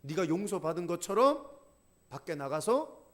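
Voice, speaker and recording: A man's voice: high voice, sing-song, normal speed, a bit bright. A man voicing a stern but merciful king who speaks in a commanding, weighty way, in a sermon story.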